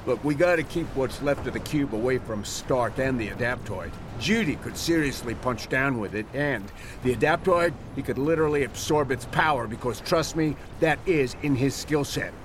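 An actor playing a no-nonsense, wry veteran hero in an audio drama. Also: male voice, mid-range voice, normal speed, background noise, close to an everyday voice. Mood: urgent, wry.

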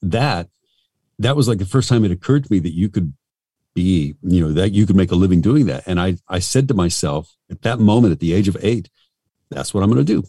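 A man's voice: sits low, lively intonation, a little fast, warm tone, no echo. A middle-aged man from the United States, a radio host and voice actor, telling stories in an interview with lots of fillers and restarts. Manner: rambling, full of fillers and restarts. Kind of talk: casual storytelling in an interview.

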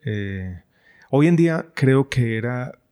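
A middle-aged man, a guest in an interview, speaking in a thoughtful, measured way with frequent hesitations. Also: mid-range voice, lively intonation, dark tone, clean tone. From Colombia. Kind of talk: reflective conversation.

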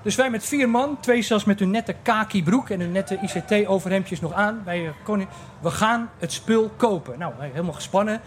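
A man's voice: sits high, brisk, hardly any pauses, slight background noise. A man in his forties telling a comic personal story, acting out other people's voices and sound effects. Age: 40s. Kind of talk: personal anecdote told to listeners.

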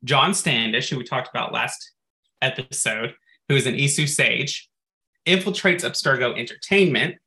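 A man's voice: medium pitch, normal speed, bright, forceful tone. A man co-hosting a podcast in casual chat, recapping game lore at length and dropping in frequent "like" asides. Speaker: podcast co-host.

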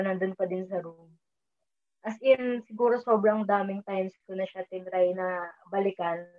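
A woman casually telling a personal story, mixing English into her talk and raising her voice when she quotes herself. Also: mid-range voice. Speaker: storyteller sharing a dream experience. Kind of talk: casual chat. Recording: tinny phone-like line.

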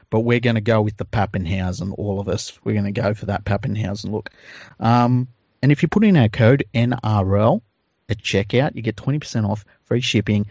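A man's voice: lowish voice, darkish tone, no echo, highs cut off. An Australian man co-hosting a podcast in casual chat and informal ad reads, with a jokey, informal manner. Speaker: podcast co-host.

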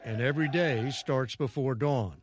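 American male correspondent over clear noise. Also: mid-range voice, normal speed. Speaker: news correspondent. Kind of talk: scripted broadcast report narration.

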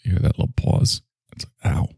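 A man's voice: brisk, warm tone, dry recording, clean studio sound. A man in his sixties hosting a solo podcast, rambling and joking at his own expense. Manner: rambling, self-mocking, jokey. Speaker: podcast host.

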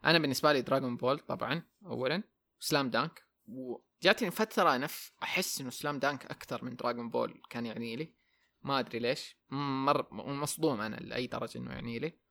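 A man's voice: medium pitch, fast, vocal fry, sharp tone. A young man hosting a casual podcast chat, rambling, repeating words and slipping into English. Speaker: podcast host.

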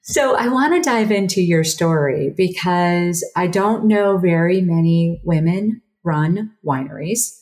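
Lower-pitched woman hosting a podcast. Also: expressive, measured pace, hardly any pauses, darkish tone. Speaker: podcast host. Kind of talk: podcast introduction and casual interview.

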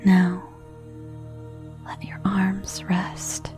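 A woman whispering a slow guided visualization story in the second person, in a soft unvoiced whisper. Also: medium pitch, completely flat delivery, music in the background.

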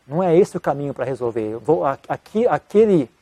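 A man, a monk answering an interview question in a casual, halting way with many restarts. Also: on the high side, lively intonation, warm tone, no room sound. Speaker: Buddhist monk giving advice.

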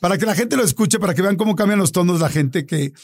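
A man with a Mexican accent hosting a casual podcast chat, animated and jokey, steering his guests. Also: sits high, quick pace, dry recording. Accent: Mexican Spanish. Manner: animated, jokey, directing the others. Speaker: host.

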